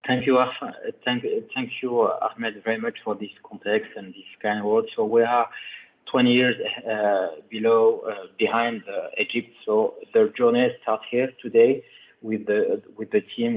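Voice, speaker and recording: A man hosting a webinar, halting and searching for words as he hands over. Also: on the low side, fairly even intonation. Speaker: webinar host. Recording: tinny phone line.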